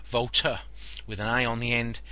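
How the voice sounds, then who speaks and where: A man's voice: medium pitch, level tone, moderate pace, bright, forceful tone, dry recording, low-quality recording. A man giving an informal physics lesson as a podcast teacher, conversational and repeating key points for emphasis. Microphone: body-worn mic near the shirt.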